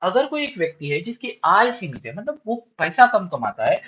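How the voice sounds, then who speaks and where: Man, teacher, classroom lecture, swooping up-and-down pitch, asks questions and answers them himself. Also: moderate pace, poor audio. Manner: repeats key lines for students; lively up-and-down pitch.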